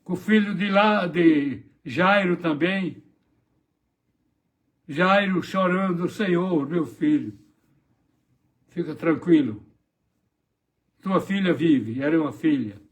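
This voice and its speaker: High-voiced pastor preaching slowly, a man. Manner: dramatic retelling, voicing gospel scenes. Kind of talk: sermon.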